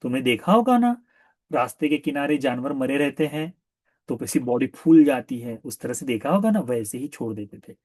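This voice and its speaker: A man's voice: medium pitch, animated, moderate pace, darkish tone, no echo. Monk guy telling a story, asks listeners lots of questions, repeats stuff, dry close sound. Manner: repetitive for emphasis. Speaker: Buddhist monk teacher. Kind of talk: storytelling sermon.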